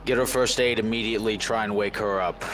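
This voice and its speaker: A man doing a curt, gravelly phone voice. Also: fairly low pitch, fairly even intonation, quick pace, fairly bright tone, lightly acted. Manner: terse, commanding.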